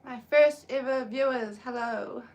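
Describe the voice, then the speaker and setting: This young New Zealand woman has a high-pitched voice and a measured pace, and the audio is dull. She is crocheting on a livestream outdoors in the sun, chatting casually in a soft-spoken, hesitant manner full of "um"s.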